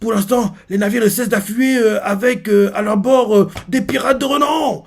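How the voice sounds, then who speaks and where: A man's voice: high-pitched, moderate pace, gravelly, pitched above the performer's own voice. A man voicing an alarmed male naval soldier who gives an urgent report.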